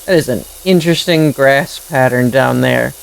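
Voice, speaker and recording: A woman streams a game with casual commentary, muttering dry sarcastic remarks and playfully meowing now and then. Her voice is low-pitched and unhurried, and the audio is poor.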